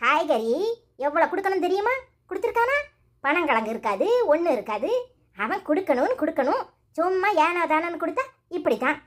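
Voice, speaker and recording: A woman performs a cartoon's elderly, nagging mother-in-law in Tirunelveli Tamil, her sarcastic scolding coming fast. Her pitch is extremely high and swings widely.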